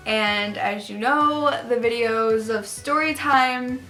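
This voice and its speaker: A woman's voice: on the high side, slow, pushed and bright, soft background music. A young adult woman casually telling personal stories to camera in a chatty, gossipy, emphatic way. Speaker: storytime vlogger. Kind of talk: casual confessional storytelling to camera.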